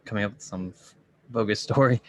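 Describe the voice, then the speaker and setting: A man's voice: on the low side, brisk, dry recording. A man playing in a tabletop role-playing game, talking casually and tentatively. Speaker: player.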